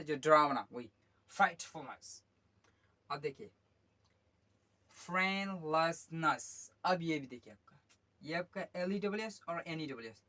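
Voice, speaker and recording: A man teaching English pronunciation. He spells each word letter by letter, repeats it slowly and stretched, and explains patiently with many okays. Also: a little high, fairly bright tone. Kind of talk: pronunciation lesson.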